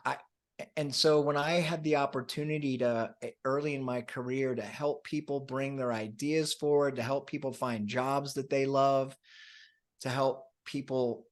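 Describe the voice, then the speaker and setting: A man being interviewed as a coach, speaking earnestly and often stammering as he restarts his sentences. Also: mid-range voice. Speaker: coach and guest. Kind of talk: conversational interview.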